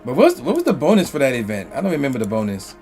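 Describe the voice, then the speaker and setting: A man's voice: mid-range voice, huge pitch swings, very fast, darkish tone, soft background music. A man hosting a casual livestream chat, reading viewer comments aloud and losing his voice a bit. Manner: reads viewer comments aloud, loose and chatty. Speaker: livestream host.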